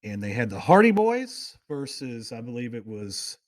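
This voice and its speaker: A male talk show host chats casually, drifting off on tangents as he hops from one excited story to another. His voice is ordinary in pitch and overflows with fan enthusiasm at a moderate pace, and the recording is dry with no room echo.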